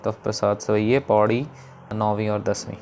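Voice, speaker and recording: Man teaching slow, careful scripture recitation. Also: on the low side, little pitch movement. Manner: explains sound by sound, then recites lines slowly and drawn out. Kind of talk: pronunciation lesson with slow chanted recitation.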